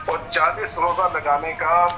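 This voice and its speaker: A man's voice: fairly high pitch, level tone. A man, a cleric calling in, arguing insistently and repeating his demand again and again. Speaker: caller, cleric. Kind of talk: heated phone debate.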